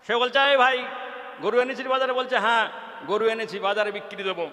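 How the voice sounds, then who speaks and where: Speaking with a West Bengal Bengali accent, a man delivers an Islamic sermon in a high, quick, bright, and forceful voice. He acts out the characters of a rustic folk tale in an emphatic, sing-song manner, and a large, reverberant hall carries his words.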